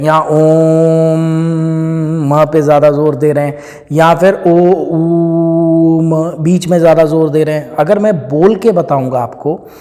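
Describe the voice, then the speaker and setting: A man's voice: fairly high pitch, warm tone, big-room sound. A man giving a casual spiritual talk, explaining with everyday examples and dropping in English phrases. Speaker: spiritual teacher.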